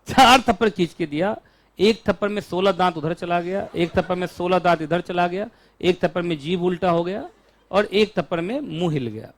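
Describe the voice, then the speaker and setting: A man with an Indian accent teaching a law class, chatty and joking, stretching out key terms slowly. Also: a little high.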